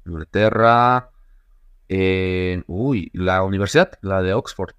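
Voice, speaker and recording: Young man from bolivia, podcast guest, lowish voice, dry close mic, lively storyteller who acts out quotes. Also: slow, clear, resonant tone, dry recording, dull audio. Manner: animated storyteller, acts out quotes, laughs often. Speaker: guest, travel YouTuber. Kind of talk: casual podcast interview.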